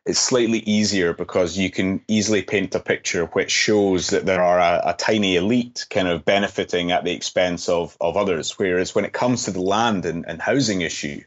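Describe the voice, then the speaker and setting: Low-voiced Scottish man, muffled audio. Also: moderate pace, few pauses. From Scotland. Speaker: interview guest, economics researcher. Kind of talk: explanatory interview conversation.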